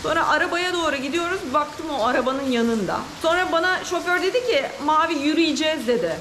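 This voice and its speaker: A young woman vlogger tells a frightening story straight to camera, shaken and quick, voicing each person she quotes. Her voice sits high, and a steady hiss of noise runs under the recording. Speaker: travel vlogger. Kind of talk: recounting a frightening experience to camera. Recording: noisy hidden camera recording.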